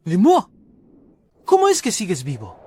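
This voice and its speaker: Man as arrogant excitable anime guy, highish. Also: a little slow, slightly rough, full character voice. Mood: mocking. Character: arrogant, excitable young man greedy for money.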